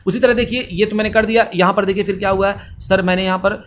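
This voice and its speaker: A man teaching accounts at high speed, his voice pitched high. He keeps asking the class questions and answering them himself. A faint noise sits under the recording. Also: fairly even intonation, quick pace, fairly bright tone. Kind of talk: fast classroom lecture.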